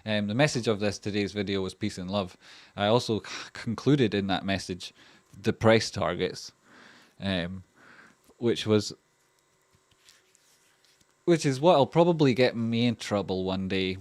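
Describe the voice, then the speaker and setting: A Scottish man hosts a casual livestream, reading out donations in a loose, rambling way full of fillers, restarts and free swearing. His voice is fairly low and unhurried, and the recording is dry.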